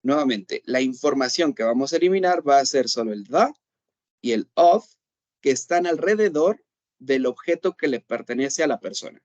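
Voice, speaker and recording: His voice is medium-pitched, expressive and darkish, captured lo-fi with no room sound. He's explaining an English class online in Spanish, staying patient, repeatedly checking in with "¿ok?", and easing his pace when giving examples in English.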